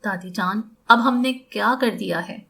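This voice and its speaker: A woman's voice: mid-range voice, vocal fry, a bit bright, a little hiss or hum. A woman voicing a stern, irritable man in his late thirties in an audiobook, curt and scornful. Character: stern, irritable 37-year-old husband.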